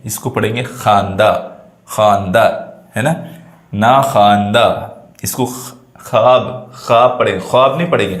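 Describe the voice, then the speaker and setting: Echoey teacher, man, step-by-step explanations. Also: lowish voice. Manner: explains step by step, keeps checking understanding. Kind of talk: exam prep lesson. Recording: echoey room sound.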